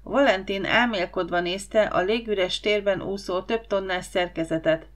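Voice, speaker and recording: A woman reading a youth sci-fi audiobook aloud. Her narration is even and measured, at a middle pitch. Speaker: audiobook reader.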